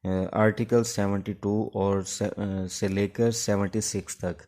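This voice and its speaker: A man with a Pakistani accent delivers a casual law lecture aimed at exam prep, slipping in English legal terms. His voice is lowish, steady and somewhat dark, and he teaches haltingly, pausing between phrases.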